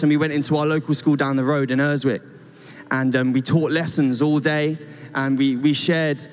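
Earnest young man preaching in a hall. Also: on the high side. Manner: earnest, storytelling with many restarts. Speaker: youth pastor. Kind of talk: church sermon talk. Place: church stage. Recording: church hall reverb with soft guitar.

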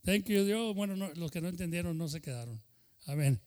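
A man, a pastor who leads a sermon and prayer, talks fast and sometimes unclearly, and keeps calling out "Señor". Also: high-pitched, animated, a little mellow, big-room sound. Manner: fervent praying, repeating "Señor". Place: church service.

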